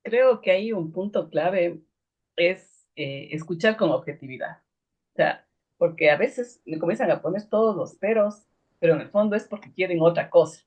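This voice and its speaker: Calm woman student, dull audio. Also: lowish voice, moderate pace.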